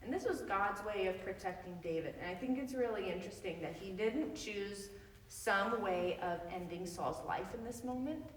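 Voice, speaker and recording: A woman leading a Bible study in a casual, chatty way, full of loose asides and quick laughs. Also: mid-range voice, echoey room, in a large hall, far from the mic, a little hiss or hum, low-quality recording.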